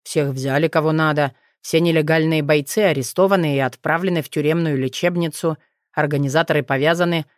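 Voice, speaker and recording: A woman voicing a calm, confident male dragon shifter who speaks steadily with a dry, slightly mocking manner. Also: deep voice, fairly quick, no echo, natural voice. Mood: assured.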